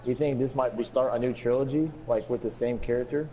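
A man's voice: medium pitch, fairly even intonation, fast, lo-fi sound, crowd noise. A young man co-hosting a casual gaming podcast, rambling with many fillers and restarts. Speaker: podcast co-host.

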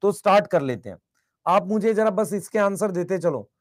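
Teaching a biology class online, a man whose throat is a bit hoarse speaks high in his range with lively intonation. He keeps repeating his questions and urging everyone to answer quickly in the chat.

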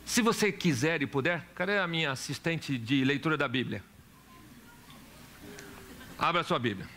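Bright-voiced male pastor preaching. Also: a little high, animated, moderate pace, slight background noise. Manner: storytelling preacher, asks the congregation questions. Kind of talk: sermon. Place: church hall.

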